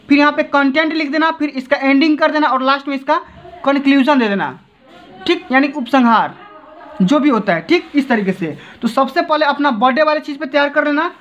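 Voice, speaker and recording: A man's voice: very high voice, a little fast, fairly bright tone. A man teaching an exam-prep lesson at his desk, coaxing students along and often checking they follow. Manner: coaxing, keeps repeating check-in tags. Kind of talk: tutorial explaining to students. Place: desk seen from above, indoors. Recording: dull lo-fi phone recording.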